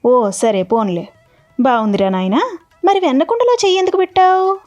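A woman's voice: sits high, normal speed, a little mellow, dull audio, faint music behind, natural voice. A woman voicing a bold young cowherd woman who exclaims in astonishment. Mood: scolding.

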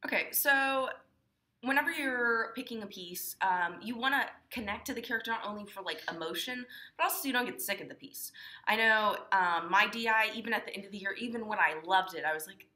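A teenage girl with a bright, forceful voice talks through her speech-team event in a loose, chatty way. She fills her sentences with ums and likes. The room gives her voice a noticeable echo. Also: mid-range voice, brisk. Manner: chatty, many fillers like um and like. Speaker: student competitor explaining dramatic interpretation. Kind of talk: casual instructional talk.

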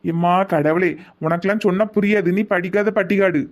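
A woman's voice: on the low side, steady tone, a little fast, darkish tone, natural voice. A woman voicing a weary village husband. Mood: exasperated. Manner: brusque, weary scolding. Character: exasperated middle-aged village husband. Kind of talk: cartoon comedy voice acting.

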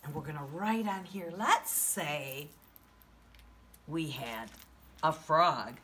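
A woman preschool teacher leads a children's math lesson in a deep, slow, sharp-toned voice. Her delivery is a broad singsong aimed at small children as she asks coaxing questions and counts aloud.

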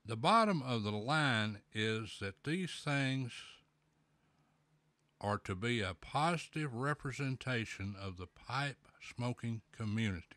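A man with a pipe clenched in his mouth, speaking at an unhurried, drawn-out pace in a folksy, plainspoken manner. His voice sits at an ordinary middle pitch. It is recorded close and dry, with no room sound. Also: animated, pushed and bright, dry recording. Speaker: podcast host. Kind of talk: casual solo talk.

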